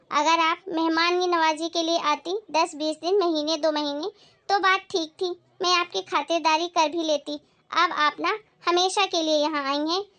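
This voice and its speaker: A woman voicing a calm but firm young daughter-in-law who reasons back, in a dramatized moral story. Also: very high voice.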